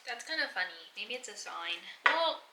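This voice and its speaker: A young woman vlogging casually while doing her nails, chatty and full of "like" fillers, thinking out loud and sometimes dropping to a whisper. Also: medium pitch, sing-song, normal speed. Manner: chatty, lots of "like" fillers, thinking aloud, drifting into soft whispers. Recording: roomy echo, faint background noise.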